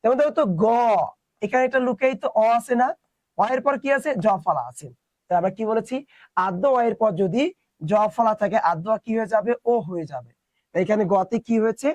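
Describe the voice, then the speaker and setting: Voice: medium pitch, a little fast, darkish tone, no room sound. Teacher, online lesson, asks then answers own questions, dry close sound. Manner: quizzes students with questions, then answers them itself; mixes English words into the explanation. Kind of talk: online exam-prep lesson.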